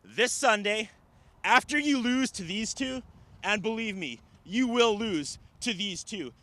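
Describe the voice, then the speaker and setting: Male wrestler for promo: high, forceful voice, indignant, emphatic phrasing. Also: lively intonation, unhurried, dry recording. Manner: emphatic, indignant, rhetorical questions.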